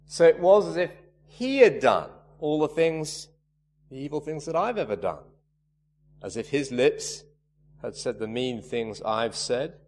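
A man's voice: medium pitch, expressive, unhurried, darkish tone. A man preaching a sermon, earnest and emphatic, leaning hard on key words. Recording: reverberant hall, faint hum.

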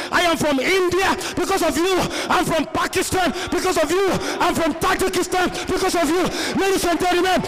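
A man with a Nigerian accent preaching a fervent Pentecostal sermon, calling out and rising to shouts. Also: very high-pitched. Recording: long reverb of a large hall.

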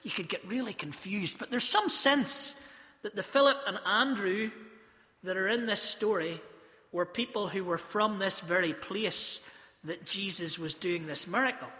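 A man's voice: sits high, unhurried, sharp tone, long reverb tail. A man from South Africa preaching a sermon in a church, earnest and emphatic as he tells stories. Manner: earnest, storytelling, emphatic phrasing.

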